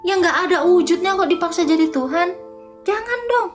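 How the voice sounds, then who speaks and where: A woman's voice: very high-pitched, fast talker. A woman hosting a casual livestream debate, teasing and mocking viewers with sing-song rhetorical questions. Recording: music playing behind the voice.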